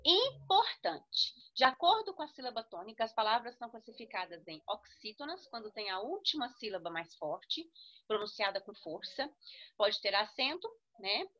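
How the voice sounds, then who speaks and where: A Brazilian woman with a bright, slightly high voice leads a grammar lesson, leaning on each stressed syllable and asking "right?" as she goes. The recording sounds dull and lo-fi. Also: sing-song, normal speed. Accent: Brazilian Portuguese. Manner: instructive, with frequent check-ins and spelled-out syllables. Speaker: teacher.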